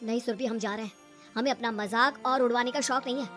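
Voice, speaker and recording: A woman's voice: on the high side, steady tone, fast, a bit bright, lightly acted. A woman voicing cartoon dialogue in a plain, firm way. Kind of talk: cartoon voice acting. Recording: light background music.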